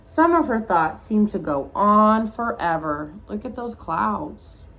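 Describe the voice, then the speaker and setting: Slowly and in a mid-range voice, a woman reads a rhyming picture book aloud as a teacher might. She narrates with expression and pauses for small asides to the little ones.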